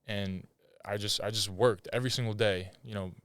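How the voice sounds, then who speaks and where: A young man hosts a relaxed podcast conversation in a somewhat low, smooth, clear voice. He talks easygoing and slangy, tossing in "bro" and "like." The close mic sounds dry. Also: moderate pace, dry recording. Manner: laid-back, slangy, says "bro" and "like". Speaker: podcast host. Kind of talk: casual podcast interview.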